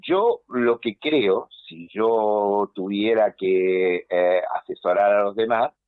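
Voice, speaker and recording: A man with an Argentine accent, a political consultant speaking by phone in an animated, analytical way on a radio interview. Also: on the low side, slow pace, smooth, no echo. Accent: Argentine Spanish. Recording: tinny dry phone line.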